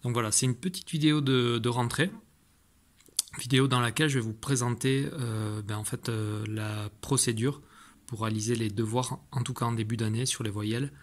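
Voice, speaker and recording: A man's voice: medium pitch, steady tone, moderate pace. A man, a primary school teacher, patiently explaining a homework routine to parents from his classroom, with many fillers and restarts.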